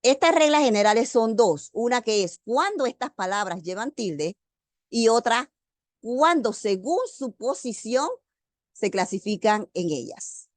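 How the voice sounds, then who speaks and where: A woman teacher giving an online grammar lecture, speaking slowly and deliberately and stressing key words. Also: fairly high pitch, lively intonation, dry recording. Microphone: video call.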